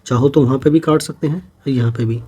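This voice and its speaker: Slow and methodical, a man leads an exam-prep maths class, saying each figure aloud again as he writes it down. His voice is mellow and darker, ordinary in pitch, with a breathy edge.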